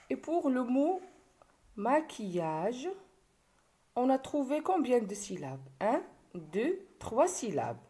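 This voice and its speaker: Slow, lively woman teacher. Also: fairly high pitch. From Morocco. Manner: slow, syllable-by-syllable instruction. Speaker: primary school teacher. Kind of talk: classroom video lesson.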